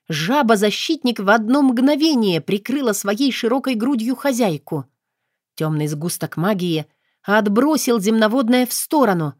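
Female audiobook narrator, expressive storytelling, dry close sound. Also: medium pitch, no echo.

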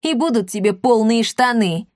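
A woman's voice: on the high side, animated, normal speed, a little mellow, no room sound, clean studio sound, lightly acted. A woman voicing a bold, cheeky orphan boy who mocks his rivals. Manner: cheeky, mocking.

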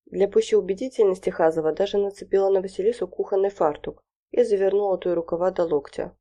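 A woman narrating a novel aloud in a steady, even storytelling manner. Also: medium pitch, fast talker. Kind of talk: audiobook narration.

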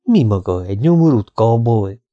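A male audiobook reader voicing a crude, tough bar waitress with a slow, slangy drawl. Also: very deep voice, sing-song, no room sound, muffled recording. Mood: sassy. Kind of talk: audiobook reading.

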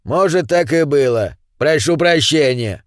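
A man voicing a grumpy, touchy male gnome miner who takes offence quickly. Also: fairly high pitch, expressive, no room sound, studio quality. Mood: sulky. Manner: indignant, quick to take offence.

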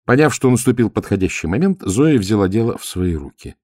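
A man's voice: on the low side, big pitch swings, brisk, darkish tone, no room sound, clean studio sound. A man reading an audiobook, narrating expressively. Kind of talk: scripted narration.

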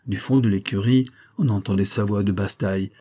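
Male audiobook narrator, mellow, steady storytelling pace. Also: fairly low pitch, a little fast.

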